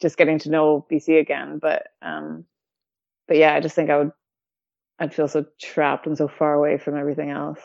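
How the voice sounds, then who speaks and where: A woman from Canada chatting in a relaxed interview, laughing often and using lots of fillers. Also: sits low, moderate pace, vocal fry. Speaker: guest. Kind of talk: casual conversation. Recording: dull lo-fi audio.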